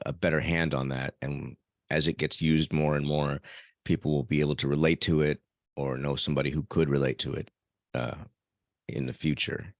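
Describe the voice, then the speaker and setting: A podcast host from El Salvador with a bass voice answers interview questions in a casual, reflective way, thinking out loud and using some fillers. The studio-quality recording has no echo.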